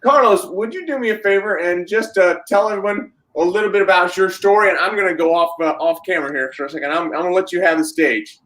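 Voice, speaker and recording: A man's voice: high voice, fast talker, few pauses, fairly bright tone, roomy sound, rough recording. A man hosting an online interview show, upbeat and welcoming. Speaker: show host.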